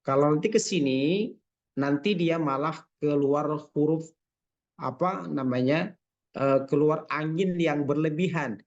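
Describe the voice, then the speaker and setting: A man's voice: fairly high pitch, a little slow. A man teaching Quran recitation in an online lesson, patiently repeating each sound to demonstrate it. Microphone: video call microphone. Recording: dull lo-fi online call audio.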